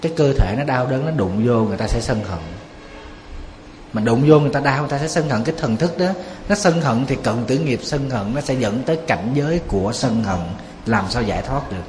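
A man's voice: mid-range voice, brisk, darkish tone, a little hiss or hum. A man, a Buddhist monk giving a sermon, talking conversationally and putting rhetorical questions to his listeners. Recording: echoey hall with long reverb, faint ambience.

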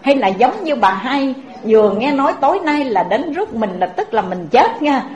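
A woman's voice: high voice, normal speed. A woman with a Southern Vietnamese accent giving a Buddhist sermon, telling stories and speaking straight to her listeners. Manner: animated, addresses the audience directly. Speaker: Buddhist preacher. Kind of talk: sermon with storytelling. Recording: dull echoey recording.

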